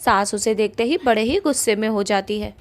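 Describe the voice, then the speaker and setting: A woman narrating a cartoon ghost story in a lively storytelling manner. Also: medium pitch, a little fast.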